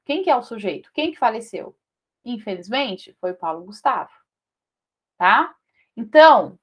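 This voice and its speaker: Brazilian lady teacher going over grammar, highish voice, keeps checking in with the class. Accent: Brazilian Portuguese. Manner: lively explaining, checks in with tag questions. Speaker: Portuguese teacher. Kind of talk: online grammar lesson.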